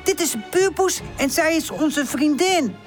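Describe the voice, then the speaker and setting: A woman's voice: fairly high pitch, expressive, a little slow, fairly bright tone, soft background music, pitched above the performer's own voice. A woman voicing a tidy, bossy young female dog in a children's audiobook, often scolding and exasperated. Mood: alarmed. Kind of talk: audiobook character voice.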